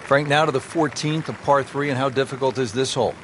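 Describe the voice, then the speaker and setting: A man's voice: mid-range voice, quick pace, close to an everyday voice. A man working as a golf commentator, calling play in a polished broadcast style. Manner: polished, asks his co-commentator questions. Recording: outdoor crowd ambience, clear background noise. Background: golf crowd and outdoor ambience.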